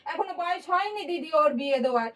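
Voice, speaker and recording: A protective mother, voiced by a woman, talks fast and high, coaxing and pleading. She sounds a little distant from the microphone. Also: animated, fairly bright tone. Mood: protesting. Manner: soothing, pleading, defensive. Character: protective mother of grown son. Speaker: mother in family skit.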